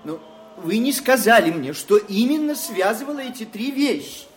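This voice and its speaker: A man's voice: high voice, animated, normal speed, background noise. An actor playing a polite, reluctant male secretary who stammers and protests in a dubbed film drama. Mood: patient.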